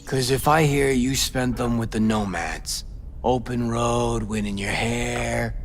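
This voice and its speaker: A man playing a jaded, foul-mouthed aging rock musician in a video game, gruff and theatrical. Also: medium pitch, slow, a little hiss or hum. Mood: bitter.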